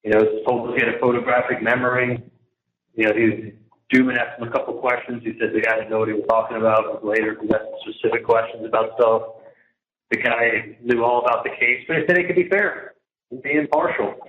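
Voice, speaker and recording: A prison inmate vents on a recorded phone line, talking fast and at length in an exasperated, repetitive way that keeps looping back. His mid-range voice holds a steady tone through the telephone handset, and the roomy, muffled call carries faint background noise.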